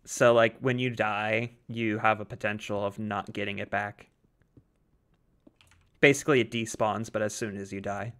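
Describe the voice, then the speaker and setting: A man's voice: lowish voice, steady tone, normal speed, fairly bright tone, smooth. A man hosting a gaming channel, chatting casually and joking with a friend while they play a modded game, chuckling often.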